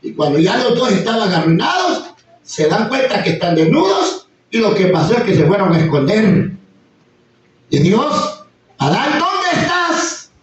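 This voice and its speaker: High-voiced pastor preaching in an echoey hall. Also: male voice, very animated, normal speed. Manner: preaching with sudden high exclamations and acted quotes. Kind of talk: sermon. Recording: echoey far-off room mic, slightly dull, faint noise.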